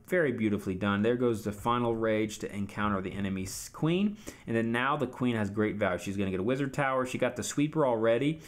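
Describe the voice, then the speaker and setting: A man talking through a strategy game replay in a relaxed, chatty way. He coaches viewers and talks straight to them. His voice sits at an ordinary middle pitch. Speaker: video game commentator. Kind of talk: casual gameplay recap commentary.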